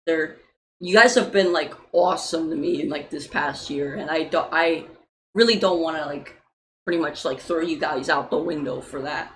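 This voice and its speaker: A woman's voice: low-pitched, moderate pace, fairly bright tone, a little hiss or hum, rough recording. A young woman, an indie game developer, chatting loosely in a livestream Q&A with many fillers and casual swearing.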